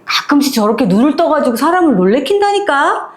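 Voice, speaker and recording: A woman's voice: high-pitched, sing-song, a little fast, echoey room. A woman voicing a big young man who is a hospital patient, speaking bluntly and offhandedly. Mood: offhand.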